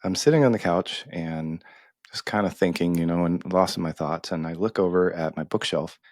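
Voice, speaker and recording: A middle-aged man with a deep, low voice shares a heartfelt personal story on a podcast. He speaks haltingly, stumbling and restarting as emotion catches him. The sound is dry and close. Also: darkish tone, no room sound. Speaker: podcast co-host.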